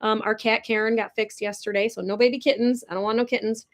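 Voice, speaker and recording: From a ranch barn or home, a young woman runs a casual live chat on her livestream, gushing as she answers viewer comments. She talks fast in a level tone, her voice on the high side.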